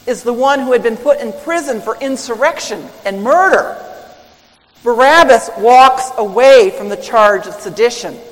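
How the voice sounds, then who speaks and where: Slow woman preaching in a reverberant hall. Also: on the high side. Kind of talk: sermon. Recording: long reverb of a large hall.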